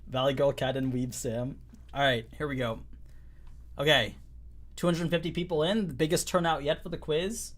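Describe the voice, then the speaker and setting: A man's voice: on the high side, steady tone, moderate pace. A man hosting a casual livestream who laughs often and repeats himself when he gets flustered. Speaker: host.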